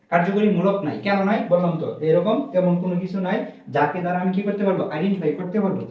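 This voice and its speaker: A male chemistry teacher from Bangladesh speaking, giving a recorded lecture and answering his own questions. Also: sits high. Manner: asks the students questions and answers them himself. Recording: very echoey room, distant mic, muffled sound.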